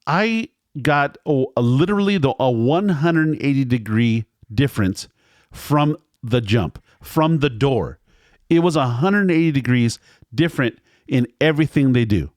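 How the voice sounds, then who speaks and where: A man's voice: medium pitch, animated, unhurried, darkish tone, dry recording. A man tells the story of a night out at a restaurant, with a mid-range voice close to the mic in a dry room. He rambles, circles back, and repeats words as he goes. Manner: rambling, repeats himself, acts out what staff said. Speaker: restaurant reviewer. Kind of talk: casual recounting of a meal.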